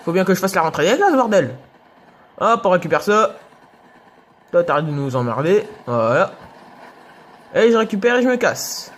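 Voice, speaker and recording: A young man giving excitable let's play commentary, yelping and laughing at enemies. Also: high-pitched. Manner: excitable, shouts and yelps at enemies, laughs often. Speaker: gaming youtuber.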